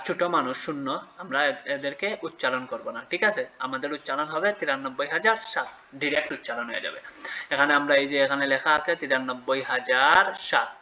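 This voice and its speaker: A man's voice: fairly high pitch, sharp tone, muffled recording. A man teaching a children's math lesson step by step, patiently asking questions and answering them himself.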